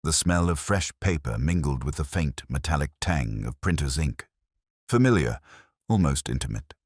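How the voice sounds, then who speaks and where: Telling a detective story in the first person, a man with an exceptionally deep, husky voice speaks in a measured, brooding, literary way over a lively, varied melody. The recording is very dry, with no room and no echo.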